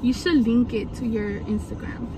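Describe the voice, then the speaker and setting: A young woman chats casually to the camera, cursing now and then and dropping Spanish phrases into her English. Her voice sits fairly high. Steady traffic and street noise run behind her outdoors. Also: moderate pace. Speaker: vlogger. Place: outdoors after a photoshoot. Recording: noisy outdoor ambience with traffic.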